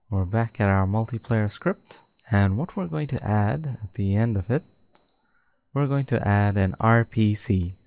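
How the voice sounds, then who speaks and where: Slow, low-voiced man dictating code. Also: a little mellow, no room sound. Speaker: tutorial host. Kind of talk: screen-recorded coding tutorial.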